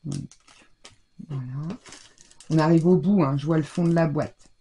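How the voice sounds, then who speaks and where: French woman, scrapbooking vlogger, rambling filler-heavy chatter, mellow tone, stuffy nose. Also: low voice, fairly even intonation, measured pace. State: scratchy throat, stuffy nose. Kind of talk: casual show-and-tell haul.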